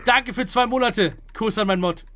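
A young man giving casual gameplay commentary to his viewers, jumping between hushed whispers and loud startled calls. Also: sits high, normal speed, over music. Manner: jumpy, hushed then loud, talks to viewers. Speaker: gaming streamer.

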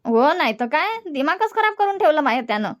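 A woman's voice: sits high, sing-song, fairly quick. A woman voicing a bitter, stubborn elderly village mother in a cartoon comedy, scolding and dismissive. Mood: complaining.

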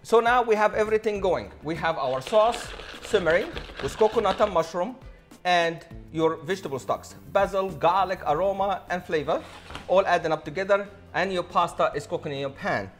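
Speaking at a moderate pace in a high voice, a chef in his thirties leads a cooking demonstration as the show's host. There's faint music behind him, and a lapel mic records him in the modern studio kitchen. He's showy and enthusiastic, addressing viewers like a showman.

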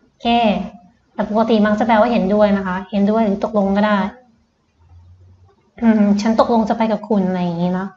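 A woman's voice: medium pitch, fairly even intonation, warm tone, roomy sound, highs cut off. A woman English tutor with a Thai accent, teaching children vocabulary patiently and repeating each word. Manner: patient, repeats words slowly. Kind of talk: slow vocabulary lesson for children.

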